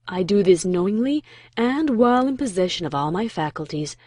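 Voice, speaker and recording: A woman's voice: mid-range voice, expressive, moderate pace, mellow, no echo, clean studio sound, natural voice. A woman playing a regal, benevolent older pony princess who speaks nonchalantly and slyly in a fan fiction audio drama. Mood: breezy. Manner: nonchalant, casual, composed.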